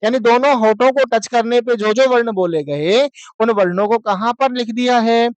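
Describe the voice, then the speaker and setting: A man's voice: very high-pitched, normal speed, smooth, no echo, lo-fi sound. A man teaching a Sanskrit class, asking his students questions and answering them himself, and drilling sounds one syllable at a time. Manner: mixes Hindi explanation with read-aloud Sanskrit. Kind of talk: online class lesson explaining to students.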